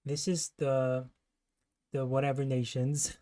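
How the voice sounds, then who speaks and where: A man's voice: mid-range voice, level tone, takes it slowly, warm tone, a little hiss or hum. Critical man streaming live reaction commentary. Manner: critical, disparaging. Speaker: livestream reaction host. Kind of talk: casual live commentary on a trailer.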